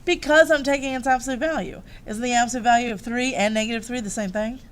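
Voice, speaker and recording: A woman's voice: fairly high pitch, steady tone, fast, smooth. A woman teaching a math lesson, upbeat and walking the class through each step.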